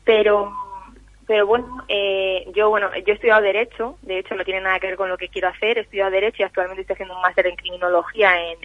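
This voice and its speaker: Young woman guest calling in, halting and filler-heavy, dull phone sound, dry. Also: medium pitch, no echo. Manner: hesitant, many fillers and restarts. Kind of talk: casual radio interview over the phone. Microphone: telephone. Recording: muffled phone line.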